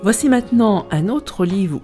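A woman reading a children's picture book aloud in a playful, expressive storyteller style. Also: mid-range voice, measured pace, faint music behind.

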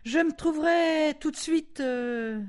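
A woman's voice: high voice, slow. An actress playing a self-assured, chatty cleaning woman who gives advice with authority. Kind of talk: audio drama acting.

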